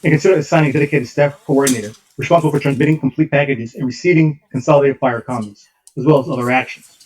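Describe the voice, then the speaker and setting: A man's voice: medium pitch, racing, a little mellow, husky. A man giving a formal presentation over a remote call whose audio keeps cutting out and glitching. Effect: choppy audio that keeps cutting out. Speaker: consultant presenting to a commission. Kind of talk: formal presentation read from slides. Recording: dull lo-fi remote call line.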